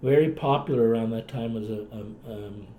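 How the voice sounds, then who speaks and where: An older, retired man with a Cape Breton accent, reminiscing in a relaxed, talkative, folksy way in conversation. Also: medium pitch, fairly quick. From Cape Breton, Canada. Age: older, past retirement. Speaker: interviewee, retired clinician and writer. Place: indoors in a home. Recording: roomy echo, faint background noise.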